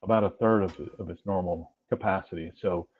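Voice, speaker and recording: A man plays a tabletop game over a stream, speaking hesitantly with formal wording and lots of fillers. His deep, husky voice holds a steady tone at a fairly quick pace. The audio is dull and lo-fi.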